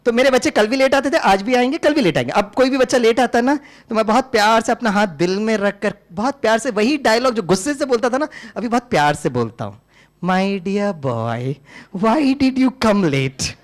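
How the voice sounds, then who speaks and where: A middle-aged man from Tamil Nadu, an engineering teacher giving a lively motivational talk to a live audience, switching between Hindi and English and acting out dialogues. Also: very high voice, quick pace, few pauses. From Tamil Nadu, India. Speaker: engineering teacher and spiritual speaker.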